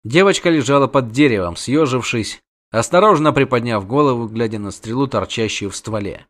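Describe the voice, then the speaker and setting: A man narrating a fantasy novel in an even, measured storytelling voice. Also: mid-range voice. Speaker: audiobook narrator.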